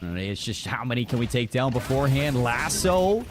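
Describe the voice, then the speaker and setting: Energetic Canadian man calling esports. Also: medium pitch. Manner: fast, energetic play-by-play. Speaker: esports caster. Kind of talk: live esports play-by-play. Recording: noisy broadcast mix.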